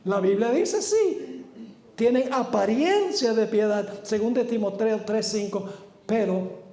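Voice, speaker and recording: A man preaching a sermon with a mellow, darker tone. He often puts questions to his listeners. His voice rings through an echoey room. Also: high-pitched, expressive, unhurried. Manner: asks the audience rhetorical questions. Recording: roomy echo.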